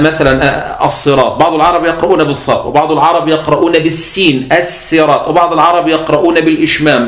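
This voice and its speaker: Egyptian man lecturing in an echoey room. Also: on the high side. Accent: Egyptian Arabic. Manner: explains step by step, repeats key points, addresses listeners as beloved in God. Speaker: teacher of Quran sciences. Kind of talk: recorded lecture.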